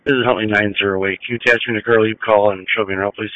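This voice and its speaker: A man's voice: lowish voice, steady tone, very fast, no echo. A man speaking as a field unit in police radio style, calling in to emergency dispatch over a lo-fi two-way radio. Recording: dull lo-fi two-way radio transmission.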